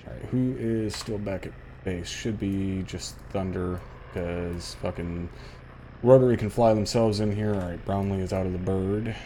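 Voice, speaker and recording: Male game host, low mellow voice, blunt and sweary casual chat, faint noise behind. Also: fairly even intonation, unhurried, rough recording. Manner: blunt, profane. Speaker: game host and mission leader.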